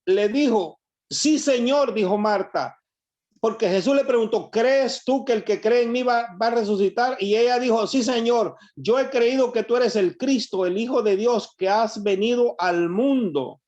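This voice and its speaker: A man with a very high, slightly mellow voice preaches unhurriedly, reading scripture verses aloud and explaining them to the congregation. The recording is dull and lo-fi.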